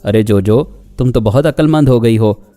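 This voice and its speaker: A man's voice: mid-range voice, normal speed, mellow, dry recording, soft background music, natural voice. A man voicing a torn young man who speaks in a coaxing, placating way.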